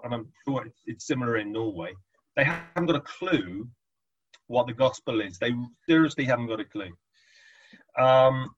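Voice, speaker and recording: A man's voice: medium pitch, husky. A man giving an informal teaching talk about evangelism, with many restarts and repeated words. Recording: dull lo-fi sound.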